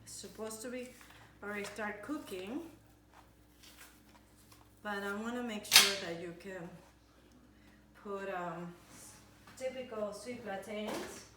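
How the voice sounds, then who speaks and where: An Ecuadorian nutritionist gives a chatty cooking demonstration in her own kitchen, hunting for words as she talks. Her medium-pitched voice moves slowly with long pauses. The recording is very noisy, with an echoey kitchen and clattering dishes.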